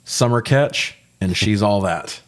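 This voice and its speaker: Speaking slowly in a lowish voice, a man co-hosts a casual movie review podcast. His griping is animated and heavily profane.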